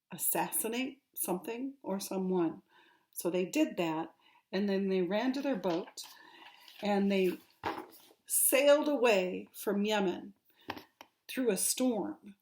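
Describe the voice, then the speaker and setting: A young woman retelling a story she just heard, halting and careful, growing louder at the dramatic parts. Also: mid-range voice. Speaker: student in a telephone game.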